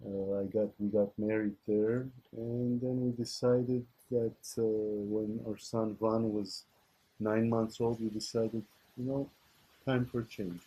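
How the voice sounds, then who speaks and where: A middle-aged man from Ethiopia telling his story in a relaxed, casual interview. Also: fairly low pitch, takes it slowly, breathy edge, rough recording.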